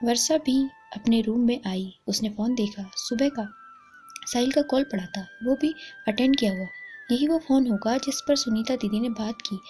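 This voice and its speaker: A woman storyteller narrating a scripted story in a smooth, even way. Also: on the high side, moderate pace. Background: faint music.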